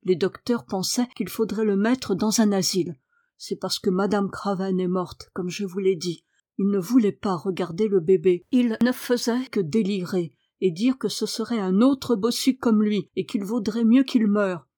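A woman's voice: medium pitch, moderate pace, dark tone, lightly acted. A woman voicing a fretful young housemaid, worried and pleading.

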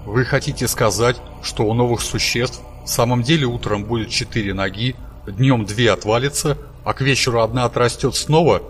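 A man doing a higher, fussy archangel. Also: normal speed, hardly any pauses, faint music behind, natural voice. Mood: puzzled. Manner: polite, dutiful, calls his master sir. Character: fussy, deferential male archangel servant.

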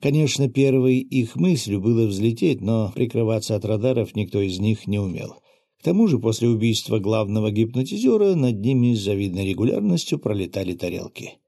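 Gravelly, dark-voiced male narrator. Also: on the low side, fairly quick, no room sound, clean studio sound. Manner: steady, even storytelling. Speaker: audiobook narrator. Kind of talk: first-person audiobook narration.

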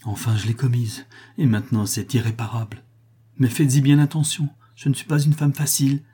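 A man's voice: mid-range voice, level tone, fairly quick, mellow, breathy edge, pitched above the performer's own voice. A man reading aloud, voicing a proud, passionate young woman in an impassioned, raised voice. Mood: vehement.

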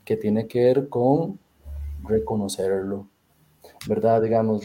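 A man hosting a talk in a relaxed, easygoing way, with filler words. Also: fairly low pitch. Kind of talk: conversational radio talk.

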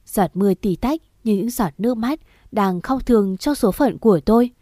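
A woman narrating a ghost story in the first person with a sad, measured delivery. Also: mid-range voice, dark tone, dry recording, clean studio sound.

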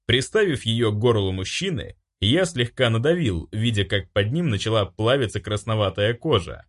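Expressive male audiobook narrator. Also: on the low side, normal speed. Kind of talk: first-person audiobook narration.

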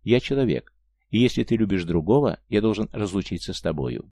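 A man's voice: fairly low pitch, expressive, fairly quick, dark tone, no echo. A man reading an audiobook voices a lovesick young man, speaking with urgent emotion. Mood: desperate. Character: young lovesick human man, desperate and pleading.

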